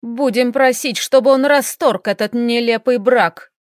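A woman voicing a cold, furious noble dragoness mother, loud, sharp and commanding. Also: a little high, a little slow, dry recording, clean studio sound, close to an everyday voice.

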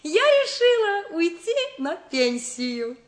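An actress playing a composed, determined middle-aged daughter-in-law in a family drama, speaking firmly and deliberately. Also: female voice, very high voice, sing-song, heavily acted. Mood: earnest, announcing. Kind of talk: naturalistic drama acting.

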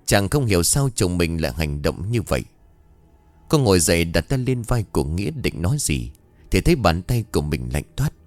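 A man's voice: sits low, very animated, fairly quick, darkish tone, no echo, faint music behind. A man narrating a scripted horror story with dramatic telling.

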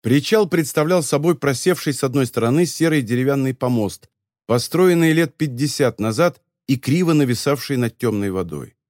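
A man narrating an audiobook in a calm, measured way. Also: medium pitch, no echo, studio quality. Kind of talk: scripted narration.

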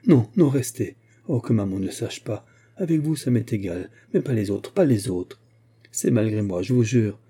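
A man reading the lines of a frail, grieving young woman who pleads and despairs, in a husky, dark voice. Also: fairly low pitch, expressive, normal speed. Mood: pleading. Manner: pleading, broken, desperate.

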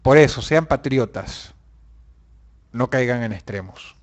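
A man hosting a casual live chat with viewers, animated and profane, breaking into shouts. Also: medium pitch, unhurried. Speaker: online show host.

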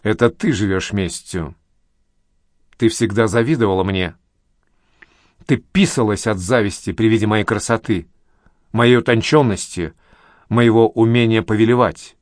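A man's voice: lowish voice, measured pace, long pauses, dry recording, studio quality, lightly acted. Man putting on a bitter vengeful woman. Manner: bitter and accusing. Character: vengeful, spiteful woman, later desperate.

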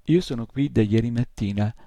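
A man voicing a tiny, polite male creature who explains things softly and with a touch of smugness. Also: medium pitch, fairly quick, gravelly, no echo, natural voice. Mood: polite explaining. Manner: soft, courteous, slightly smug.

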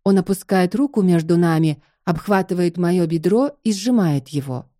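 A woman narrating an audiobook in a calm, even reading. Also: on the low side, moderate pace.

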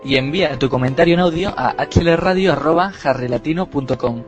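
A man's voice: a little high, fairly quick, faint music behind. A man hosting a fan podcast, moderating a casual debate and asking questions. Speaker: podcast host.

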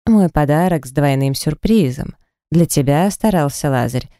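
A man's voice: fairly high pitch, lively intonation, moderate pace, warm tone, no echo, studio quality. A man voicing a cruel male kidnapper who taunts in a mocking, sing-song way. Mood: gloating.

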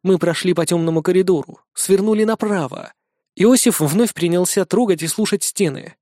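A man narrating a first-person audiobook in an expressive storytelling manner, close on the mic. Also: high-pitched, moderate pace, no echo.

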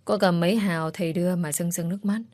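Woman, storybook narration, low pitch, dry studio sound, steady. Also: fast, dry recording.

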